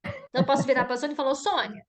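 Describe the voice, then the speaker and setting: Lively, higher-voiced woman mentor. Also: racing. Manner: lively, acts out example dialogues. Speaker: workshop mentor. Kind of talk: online group mentoring.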